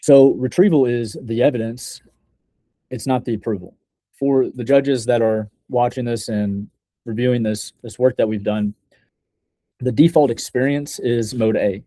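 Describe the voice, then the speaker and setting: A young man giving a scripted software demo in a deliberate, measured, slightly halting way, as a developer presenting a project. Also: medium pitch, no room sound, rough recording.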